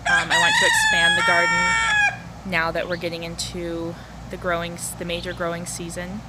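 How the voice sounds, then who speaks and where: Chatty woman vlogging amid clear outdoor noise. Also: on the low side, very animated, normal speed. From lives in the Arizona desert, US. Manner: informal, rambling, chatty. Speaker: host of a home gardening vlog. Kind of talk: casual chat to camera. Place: outdoors in a backyard garden and porch. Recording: noisy outdoor recording with ambient sounds. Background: rooster crowing, chickens, outdoor ambience.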